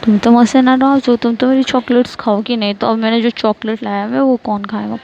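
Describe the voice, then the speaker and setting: A woman's voice: fairly high pitch, steady tone, brisk, gravelly, a little mellow, muffled recording, slight background noise. A woman voicing a young mother who coaxes and teases her small daughter in a storybook reading. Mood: teasing. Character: young mother, gentle and teasing.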